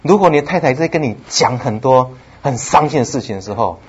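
A man preaching a sermon, telling the story with lively acted-out lines and frequent laughter. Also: mid-range voice, fairly quick, breathy edge. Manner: lively storytelling, acts out dialogue, laughs often. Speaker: pastor. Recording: slightly dull with faint background noise.

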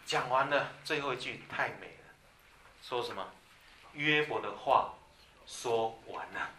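A preacher delivers a sermon in a crisp, bright, medium-pitched voice at a measured pace, shifting between soft, intimate asides and loud, emphatic lines. He's recorded from a distance in an echoey room, so he sounds roomy and a little far from the mic, with faint ambience and slight background noise.

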